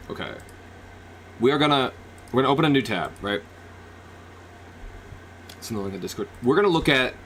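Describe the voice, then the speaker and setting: A young man reacting on a live stream, rambling and bursting into excited shouts. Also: medium pitch, slight background noise.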